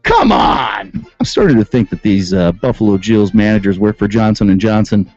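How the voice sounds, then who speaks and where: A man's voice: fairly low pitch, fairly even intonation, a little fast, dark tone. A male radio host in comedic commentary, reading rules aloud and mocking them sarcastically. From Western New York. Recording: dull lo-fi sound with faint music.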